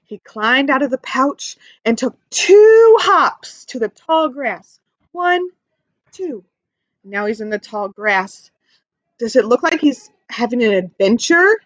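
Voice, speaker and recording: This high-voiced woman leads an interactive picture-book reading for little kids, lively and full of questions and simple explanations. She speaks slowly, and the recording is muffled but free of echo.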